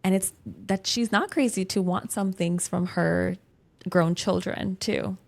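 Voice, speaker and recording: Calm therapist lady hosting a podcast, lowish voice, affirming, leans on key words. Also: unhurried, vocal fry. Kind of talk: explanatory conversational podcast talk.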